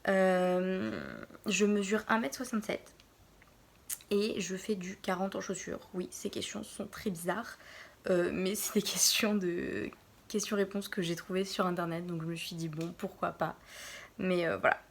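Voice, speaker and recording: A young woman in her early twenties from Normandy, answering Q&A questions in a casual vlog from her bedroom, pausing often to think. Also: lowish voice, steady tone, vocal fry. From France, Normandy. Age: early 20s. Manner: hesitant, pauses often to think. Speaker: vlogger.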